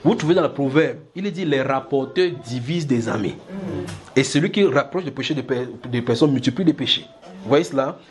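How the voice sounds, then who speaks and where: A man preaching a sermon in church, lively and demonstrative, often checking that the congregation follows. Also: mid-range voice, fairly quick, a little hiss or hum. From Cameroon. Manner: animated, acts out little scenes and keeps checking the congregation follows.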